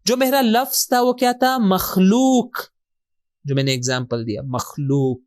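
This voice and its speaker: A man teaching a recorded lesson on Arabic word patterns. He poses questions and answers them himself, saying key words slowly and more than once. He drops English words into his explanations. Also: very high-pitched, sing-song. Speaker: Quran and Arabic grammar teacher.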